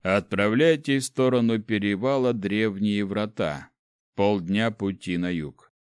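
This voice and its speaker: A man playing a cold, scornful ancient dark mage who speaks slowly and mockingly in an audiobook. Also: lowish voice, clear, resonant tone, no echo, clean studio sound, natural voice. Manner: slow, mocking, detached. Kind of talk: audiobook character voice.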